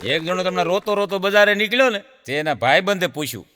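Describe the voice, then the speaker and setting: A man's voice: high-pitched, fast, in a large hall, very noisy. A man with a Gujarati accent performing stand-up folk comedy, telling jokes and stories to an audience he keeps calling sir. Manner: lively folk storyteller, addresses audience as sir.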